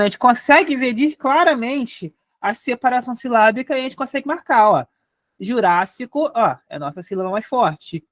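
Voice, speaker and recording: A young Brazilian woman teaching a live online grammar lesson, explaining step by step and spelling out syllables slowly. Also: on the high side, no room sound, studio quality. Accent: Brazilian Portuguese.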